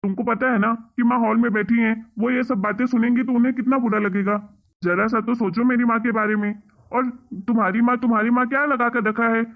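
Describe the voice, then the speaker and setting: Cartoon role: a man voicing a pleading, reproachful husband with a gravelly voice, heard through tinny phone-like sound. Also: very high-pitched, fairly even intonation, a little fast. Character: patient husband pleading for his mother. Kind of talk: cartoon story voice acting.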